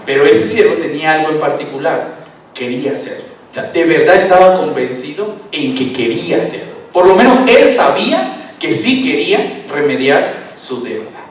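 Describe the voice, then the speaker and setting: Pastor, man, animated sermon, high voice, echoey hall from far off. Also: moderate pace. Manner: animated, acts out voices in parables, asks congregation questions. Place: large church hall.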